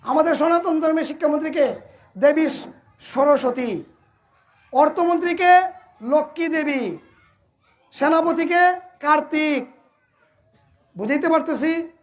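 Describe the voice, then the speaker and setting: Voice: high voice, a little slow, pauses often. A Gita preacher gives a devotional sermon to a village gathering. The speaker is humble and apologetic toward the listeners and keeps asking the crowd rhetorical questions.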